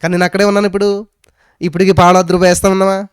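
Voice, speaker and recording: A man's voice: little pitch movement, racing, smooth, no echo, studio quality. Fervent male preacher. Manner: preaching with sudden rises and drops in pitch and loudness; mixes in English phrases. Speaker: pastor. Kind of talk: sermon.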